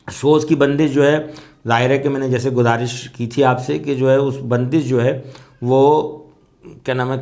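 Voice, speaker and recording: A man teaches a class on soz recitation, speaking at middle pitch. His delivery is measured and explanatory, with frequent fillers, as he walks his students through each point. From Pakistan. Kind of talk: spoken lesson.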